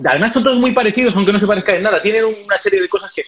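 A man with a Spanish accent hosting a live stream chat, joking and talking in quick bursts. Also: sits high, fairly bright tone. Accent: Spain Spanish. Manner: joking, rapid-fire talker. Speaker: host. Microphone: video call. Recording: muffled lo-fi live stream audio.

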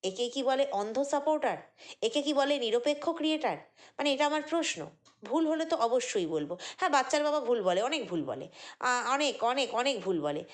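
High-voiced woman ranting in commentary. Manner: chatty, indignant, many fillers and repeats. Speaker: vlogger commenting on other creators. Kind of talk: casual commentary monologue.

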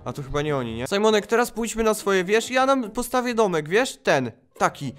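Guy with a high voice yelling and reacting fast in a roleplay game, little music under it. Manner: excited, exclamatory, quick reactions. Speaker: gamer playing a child character. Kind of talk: game role-play with voice chat.

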